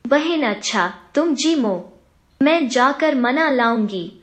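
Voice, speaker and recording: Gentle storybook sister, voiced by a woman narrator, high and unhurried. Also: lively intonation. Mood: troubled. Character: affectionate, long-suffering wife and sister.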